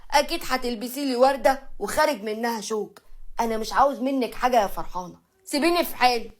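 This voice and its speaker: A woman's voice: fairly high pitch, quick pace, close to an everyday voice. A woman voicing an exasperated young rich husband, fed up and complaining, with an Egyptian accent.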